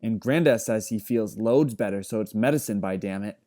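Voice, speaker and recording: A man's voice: fairly low pitch, moderate pace, warm tone, close to an everyday voice. A man reading aloud, voicing a bossy little village girl with a piping voice and a condescending manner. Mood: irritated. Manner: disapproving, condescending.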